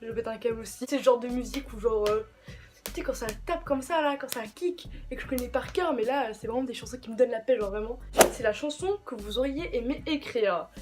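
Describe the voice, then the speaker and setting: A woman's voice: a little high, fast, a little mellow, faint music behind. A young woman vlogger chatting casually about songs, with lots of slang and fillers. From of Portuguese descent. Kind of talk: casual chat.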